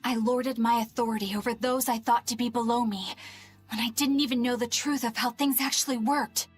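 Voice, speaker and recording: A woman's voice: on the high side, steady tone, a little fast, faint music behind, natural voice. An actress playing an earnest, principled young woman exorcist in a video game, speaking resolutely. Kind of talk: game voice acting.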